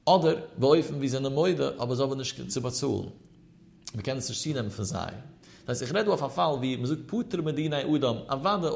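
A man's voice: medium pitch, vocal fry, a little mellow. A man teaching a religious study lesson, explaining texts in a sing-song cadence that rises and falls widely. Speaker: Talmud teacher.

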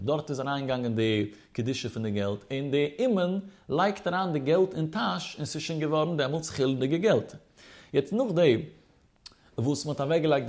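A man's voice: mid-range voice, a little mellow. A man teaching a Talmud study lesson, explaining step by step with rhetorical questions and mixing in Hebrew study terms. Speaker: religious teacher.

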